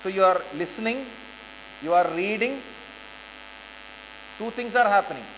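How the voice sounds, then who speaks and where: A man's voice: high-pitched, moderate pace, a bit bright, long reverb tail, a little hiss or hum, poor audio. A man with an Indian English accent giving a motivational classroom lecture, asking rhetorical questions and repeating key phrases for emphasis. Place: lecture hall.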